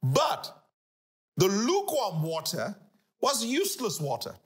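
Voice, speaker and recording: A middle-aged man, a pastor, teaching scripture on a talk show in an animated, emphatic way, repeating key phrases. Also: high-pitched, measured pace. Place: living-room studio set, indoors.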